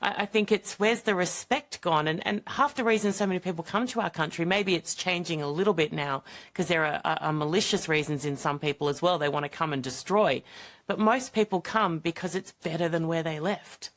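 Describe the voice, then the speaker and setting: A woman from Australia hosts an interview, talking earnestly and often restarting her words. Her voice sits a little low for a woman. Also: fairly quick, fairly bright tone. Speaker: talk show host. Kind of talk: casual interview talk.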